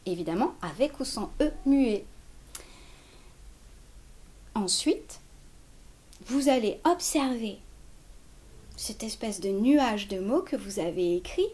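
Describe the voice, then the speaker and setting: A woman with a French accent teaches songwriting, explaining slowly and counting and scatting rhythms aloud. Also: on the high side, mellow. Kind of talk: music lesson.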